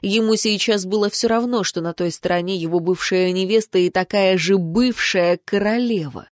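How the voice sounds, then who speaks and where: A woman's voice: medium pitch, normal speed, no room sound, clean studio sound. A woman narrating an audiobook in the first person, reading expressively.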